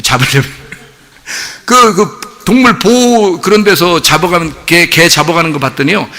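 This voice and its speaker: Bright, lively male pastor preaching. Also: fairly high pitch. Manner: animated, humorous storytelling with frequent laughs. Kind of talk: sermon. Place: church sanctuary. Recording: long church-hall reverb.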